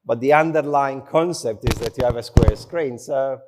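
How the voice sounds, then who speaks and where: Guy doing a tech talk, non-native english, takes his time, slow unhurried voice, informal and a bit self-deprecating. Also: medium pitch, background noise. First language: not English. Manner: unhurried, slow delivery with short phrases. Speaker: conference speaker. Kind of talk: conference tech talk, conversational. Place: conference stage in front of an audience.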